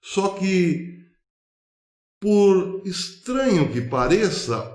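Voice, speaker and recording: A man's voice: high-pitched, very animated, extremely slow, a little mellow, roomy sound. A man hosting a news commentary show, speaking emphatically and asking rhetorical questions. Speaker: host.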